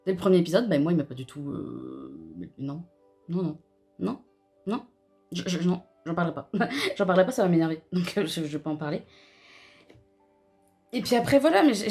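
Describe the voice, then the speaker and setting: A woman's voice: on the low side, creaky, darkish tone. A young woman chatting casually as she reviews a TV episode, slangy and full of restarts. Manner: chatty and slangy, with frequent fillers, restarts and laughter. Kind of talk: casual chat.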